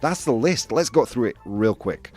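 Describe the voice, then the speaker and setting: Animated British man hosting a stream. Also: mid-range voice, normal speed. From United Kingdom. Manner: chatty, reads viewer answers aloud, animated. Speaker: show host. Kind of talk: casual livestream game hosting. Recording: faint background music.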